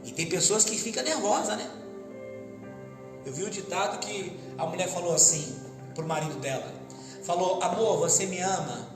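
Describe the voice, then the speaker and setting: Brazilian male pastor, high voice, animated call-and-response sermon, reverberant church hall with music under. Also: moderate pace, pauses often. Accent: Brazilian Portuguese. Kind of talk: Pentecostal sermon. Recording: echoey hall with music behind.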